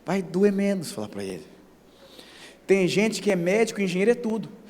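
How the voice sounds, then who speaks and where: A pastor preaching a sermon who drops to quiet asides and then climbs to shouted climaxes, often acting out the voices of the people he quotes. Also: high-pitched, sing-song, normal speed, long reverb tail, a little hiss or hum.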